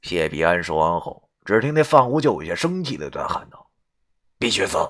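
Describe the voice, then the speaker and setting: Animated male audiobook narrator. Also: deep voice, fairly quick. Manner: animated, wry, with crude asides.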